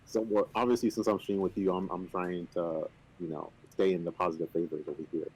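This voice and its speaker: A man on a video call casually explaining a game, relaxed and playfully boastful, with lots of fillers. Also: low-pitched, fast, a little hiss or hum, low-quality recording. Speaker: company representative teaching the game. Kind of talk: casual chat on a stream.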